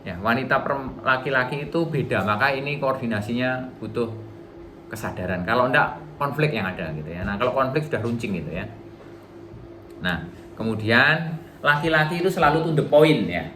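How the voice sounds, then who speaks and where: A man's voice: medium pitch, expressive, moderate pace, background noise. A middle-aged man giving a relationship seminar to a live audience in a casual, chatty way, acting out little dialogues. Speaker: workshop trainer.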